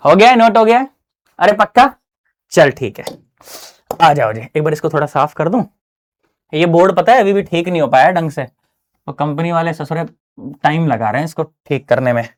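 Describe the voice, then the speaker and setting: Male physics tutor, casual and slangy, speaks straight to the students in a studio lesson. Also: fairly high pitch. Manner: chatty, slangy, keeps asking "है ना?". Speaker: physics teacher. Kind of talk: casual online exam-prep lesson. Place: small closed studio.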